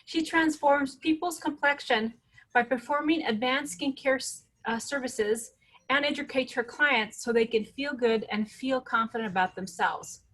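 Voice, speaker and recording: A woman with a fairly high voice delivers a rehearsed speaker introduction. She rolls her Rs. It is captured over a video call. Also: moderate pace, fairly bright tone, poor audio. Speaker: workshop participant, skincare consultant.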